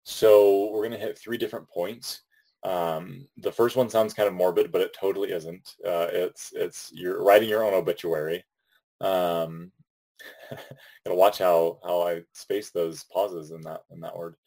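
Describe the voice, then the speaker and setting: A man's voice: deep voice, fairly even intonation, unhurried, vocal fry, warm tone, rough recording. A man co-hosting a casual podcast, talking with many ums, restarts and small laughs. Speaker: podcast co-host.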